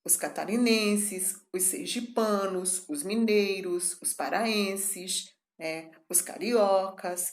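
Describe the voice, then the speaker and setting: A woman's voice: medium pitch, slow, few pauses, echoey room. A woman teacher giving a recorded class, explaining things step by step and often checking in with a questioning tag. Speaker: arts teacher.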